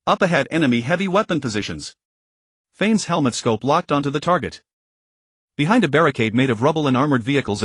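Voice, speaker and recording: A man giving scripted audiobook narration in an even, steady reading. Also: medium pitch, no room sound.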